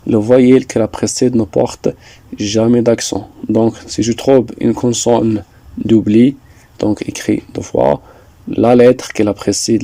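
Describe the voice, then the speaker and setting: A man teaching a French lesson, explaining slowly and deliberately, repeating points with some hesitations. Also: mid-range voice, mellow, no echo. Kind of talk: slow classroom explanation.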